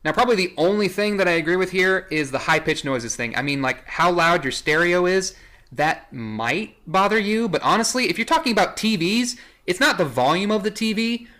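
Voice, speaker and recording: Casting note: young male vlogger, bright, slightly high voice, sarcastic and rambling. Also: expressive, brisk. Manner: sarcastic, rambling, self-correcting. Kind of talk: casual commentary reading a list.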